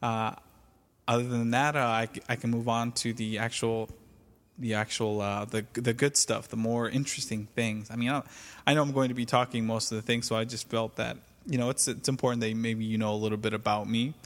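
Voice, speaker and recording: Halting man, flat voice, reverby room. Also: mid-range voice. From California. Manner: hesitant, many fillers and restarts. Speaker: podcast host. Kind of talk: casual solo podcast monologue.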